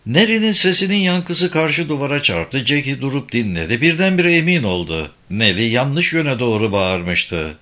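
Bright-voiced man reading a thriller. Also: medium pitch, sing-song, moderate pace, hardly any pauses. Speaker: narrator. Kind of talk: audiobook narration of a thriller.

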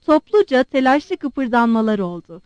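High, lively woman narrating a novel. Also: measured pace, no room sound. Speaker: audiobook narrator. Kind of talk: novel reading.

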